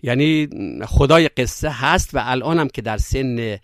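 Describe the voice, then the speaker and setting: A man with a Yazdi accent who tells stories and speaks reflectively, pausing on fillers between his anecdotes. His voice sits at an ordinary male pitch and comes across dry and close, with no room sound. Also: dry recording. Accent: Yazdi Persian. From Yazd, Iran. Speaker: storyteller guest. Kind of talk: interview conversation.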